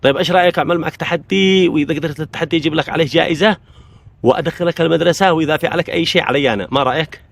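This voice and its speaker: A man with a Yemeni accent hosts an on-location vlog, interviewing people outdoors in a casual, coaxing and encouraging way and often repeating himself. His voice is a little high and creaky, and he talks very fast. Music plays behind him.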